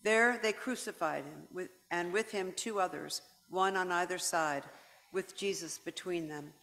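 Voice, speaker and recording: Scripture narrator, steady reading, long church reverb. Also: mid-range voice, measured pace, creaky. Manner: steady, even reading aloud. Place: large church.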